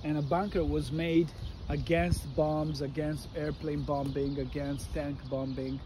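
A man's voice: fairly high pitch, little pitch movement, a little slow. Middle-aged man, explaining to a child, simple repetitive wording, informal guide, outdoor street noise. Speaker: father and guide. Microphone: phone camera a step or two away. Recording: outdoor phone recording, clear ambient noise.

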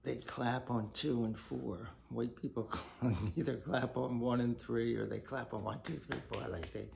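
Slow gravelly older man reminiscing. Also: mid-range voice, fairly even intonation, a little hiss or hum. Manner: unhurried, reflective, playful asides. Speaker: church musician telling life stories. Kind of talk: casual spoken memoir. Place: home room lined with bookshelves, indoors. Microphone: desktop webcam framing, seated. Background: loud acoustic guitar playing.

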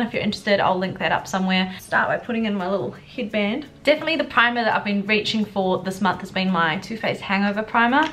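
A young adult woman with a congested cold chats casually, a little subdued, while filming a makeup tutorial for her beauty vlog. Her medium-pitched voice is a bit bright, with slight background noise and background music in her furnished living room at home.

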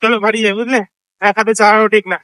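A man with a Bengali accent, vlogging in casual chat with a sore, scratchy throat. He talks quickly and teasingly to the camera. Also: high voice, level tone, sharp tone.

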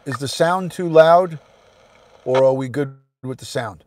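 A man's voice: medium pitch, unhurried, darkish tone, a little hiss or hum. A man in his fifties hosting a casual livestream commentary from inside a car, often repeating himself. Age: 50s. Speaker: host, retired police detective.

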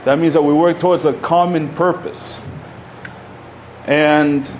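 At a community event, a thirtysomething panel speaker from Egypt talks slowly at a podium mic, his fairly high, darkish voice holding a fairly even intonation. He gestures and fills his casual talk with "you know" and "like," while the recording has cut-off highs and slight background noise.

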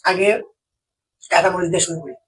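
Bright, husky, quick-talking man. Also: sits high, recorded from a distance, low-quality recording. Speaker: challenge contestant. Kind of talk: casual chat.

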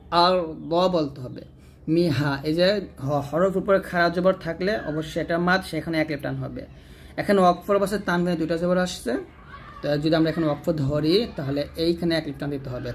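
A man teaching Quran recitation rules, alternating slow, drawn-out chanted verses with brisk explanations. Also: on the high side, slight background noise. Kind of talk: tajweed lesson.

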